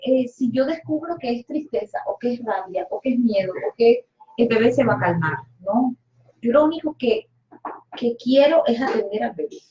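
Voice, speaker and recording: A woman's voice: a little high, a little mellow. Colombian woman teaching, roomy sound. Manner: explanatory, poses rhetorical questions and answers them. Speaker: spiritual study group leader. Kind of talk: teaching a study group. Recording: roomy, slightly dull recording.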